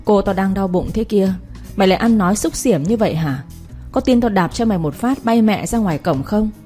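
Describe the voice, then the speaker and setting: A woman's voice: medium pitch, lively intonation, a little fast, mellow, soft background music, natural voice. A woman voicing a fiery young female servant who scolds shrilly, in a read-aloud story. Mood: furious.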